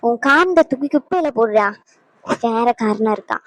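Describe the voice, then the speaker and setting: A woman's voice: fairly high pitch, animated, normal speed, no echo, lightly acted, rough recording. A woman voicing a stern, scolding elder sister. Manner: sharp, scolding, lecturing. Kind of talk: animated drama dialogue.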